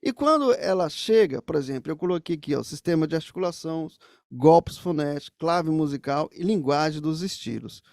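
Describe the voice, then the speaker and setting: High-voiced man teaching saxophone. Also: lively intonation, normal speed, gravelly, darkish tone, no room sound, studio quality. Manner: explanatory, talks straight to the viewers. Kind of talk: music lesson.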